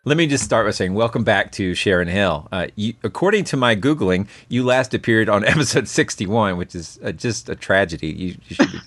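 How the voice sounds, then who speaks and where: Male host, conversational, lowish pitch, close dry recording. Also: lively intonation, fairly quick, few pauses, a bit bright, no room sound. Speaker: podcast host, interviewer. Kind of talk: casual chat.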